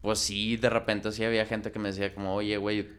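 A young man with a lowish, smooth and resonant voice, a guest on a casual podcast. He grew up in northern Mexico and tells his stories in a slangy, animated way, full of street talk. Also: fast talker.

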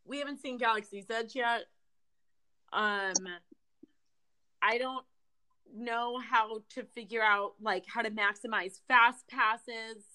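A woman's voice: on the high side, fairly even intonation, slow, pauses often, a crowd in the background. Chatty, candid woman podcast co-host. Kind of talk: casual podcast chat.

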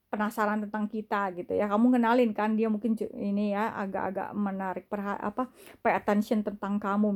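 Mellow-voiced chatty woman giving spiritual advice. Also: medium pitch. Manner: chatty, repeats filler tags, mixes in English words. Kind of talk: casual spiritual advice talk.

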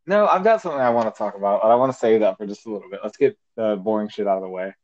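A man's voice: fairly low pitch, rapid-fire, darkish tone. A teenage boy co-hosting a casual podcast, rambling with a lot of "like", heard over a phone call. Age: teens. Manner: loose and rambling, lots of "like". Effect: heard over a phone line. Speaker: podcast co-host. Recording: muffled dry phone-call audio.

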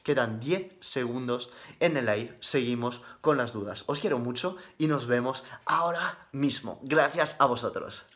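A man's voice: mid-range voice, measured pace, hardly any pauses, a bit bright. A man with a Spain Spanish accent hosting a casual live-stream Q&A, chatty and upbeat, tossing in slang like bro. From Madrid, Spain. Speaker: fitness live-stream host.

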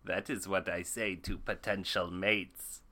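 A stranded alien booms out his lines in a stiff, formal, pompous way, as a man puts him on for a comedy podcast. The voice sits fairly low and moves slowly. It has a hard, very bright edge. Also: little pitch movement. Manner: loud, stiff, formal announcer-like delivery. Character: pompous male alien stranded after a crash. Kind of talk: improvised comedy role-play.

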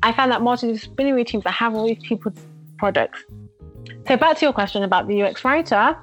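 A woman with a non-native English accent, a guest talking about UX writing in a casual interview, animated and laughing often as she acts out little exchanges. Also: a little high, fast, dull audio, soft background music.

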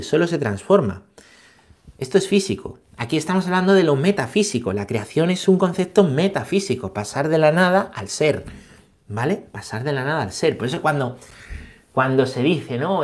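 Emphatic man from Spain teaching catechesis. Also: fairly high pitch. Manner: animated and emphatic, with rhetorical questions and frequent tag questions. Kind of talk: catechesis talk on scripture and philosophy.

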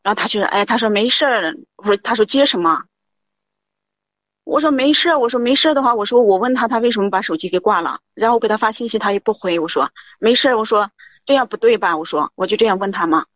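A woman telling her story to a show host. She runs her words together quickly and talks in loops, repeating herself as she recounts each exchange. The audio is dry and muffled. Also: mid-range voice, fairly bright tone, dry recording. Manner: rambling, keeps repeating "I said". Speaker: caller. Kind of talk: confiding call-in account.

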